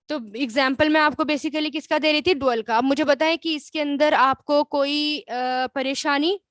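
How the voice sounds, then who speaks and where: Female grammar teacher, Pakistani Urdu accent, drawn-out repetition, sharp tone. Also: high voice, fairly even intonation, dry recording, studio quality. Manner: explains slowly, drawing out words and repeating them; asks the class questions and answers them herself. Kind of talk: online class lesson.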